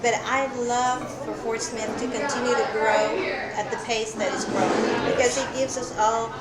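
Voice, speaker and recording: A woman's voice: on the high side, steady tone, moderate pace, over a noisy crowd. Chatty woman in an echoey busy cafe. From El Salvador. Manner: chatty, with many fillers and restarts. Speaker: guest. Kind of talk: casual interview chat. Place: coffee shop.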